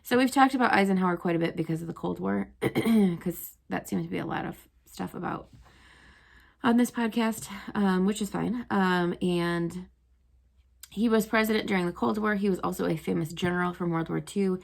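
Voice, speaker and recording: A young woman teacher casually retells history stories to her students, chatty and full of "um" and "like." She speaks at a moderate pace in a lowish voice with vocal fry.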